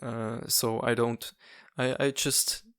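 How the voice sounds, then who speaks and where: The host, a young man from Switzerland, chats by himself in English as a non-native speaker, his speech halting with many fillers and restarts. His voice is medium-pitched, level, clean and fairly bright, with no echo in the clean studio audio.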